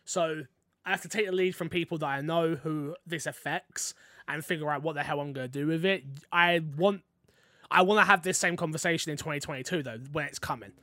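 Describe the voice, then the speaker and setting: A man's voice: fairly high pitch, brisk, pushed and bright, dry recording. A man hosting a podcast, talking casually through gaming news and opinions. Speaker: podcast host.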